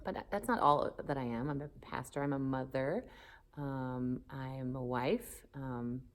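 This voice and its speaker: A woman in her forties from the Southern United States, a pastor speaking candidly in an interview, thoughtful and animated with many fillers. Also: very deep voice, measured pace. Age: 40s. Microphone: phone camera.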